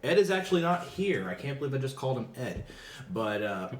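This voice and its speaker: A man at mid pitch chats loosely as a podcast host. He wanders through his stories with plenty of "uh" and "like", often breaking into laughs. The recording sounds roomy and echoey. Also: big pitch swings, fairly quick. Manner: rambling, filler-heavy storytelling with frequent laughter. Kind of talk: casual chat. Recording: roomy echo.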